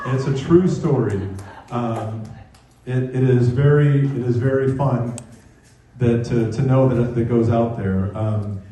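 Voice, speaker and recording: Older guy doing standup in a comedy club, mellow voice, echoey room, heard from a ways off. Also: medium pitch, far from the mic, a little hiss or hum. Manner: wry storytelling with punchline pauses. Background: audience laughter.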